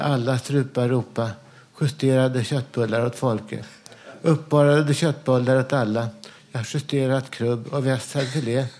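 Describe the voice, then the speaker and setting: A man reading his own song lyrics aloud without a melody, chanting repeated slogan lines in a steady rhythm. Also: medium pitch.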